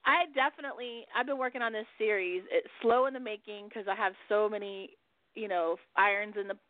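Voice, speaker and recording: A woman's voice: mid-range voice, fairly quick, dry recording. Chatty woman radio host on a phone line. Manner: chatty, swears casually, laughs often. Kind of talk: casual talk-radio chat.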